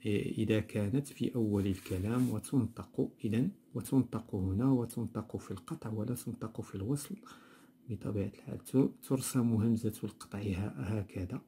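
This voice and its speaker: A man with a Moroccan accent teaching a grammar lesson from a textbook, explaining slowly and repeating words. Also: fairly low pitch, mellow, slight background noise. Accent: Moroccan Arabic. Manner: explanatory, repeats words slowly, mixes dialect with standard Arabic.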